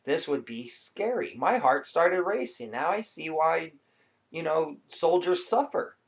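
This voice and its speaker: A man's voice: a little high, animated, a little slow, vocal fry. A man talking casually to viewers as a vlogger, explaining things in a laid-back, rambling way. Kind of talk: casual informal talk to viewers. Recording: dull lo-fi sound.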